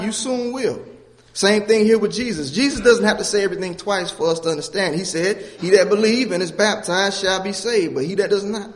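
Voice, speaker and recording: A man preaching a sermon in a church, earnestly teaching scripture and asking the congregation questions. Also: high voice. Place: church with a baptistry. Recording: long hall reverb.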